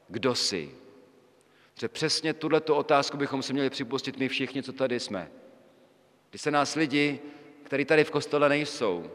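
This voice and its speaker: A man's voice: mid-range voice, a bit bright. A man giving a sermon in a church, talking in a conversational way with frequent fillers and tags. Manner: conversational preaching with fillers and tag "jo". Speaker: priest. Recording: long church reverb.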